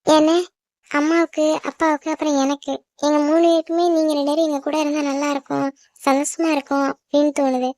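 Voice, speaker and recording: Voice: high voice, flat delivery, a little fast, a little mellow, no echo, clean studio sound. Someone voicing a whiny little sibling. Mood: pleading. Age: child figure. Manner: pleading, whiny sibling talk. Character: youngest child sibling, clingy and sensitive. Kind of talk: cartoon voice acting.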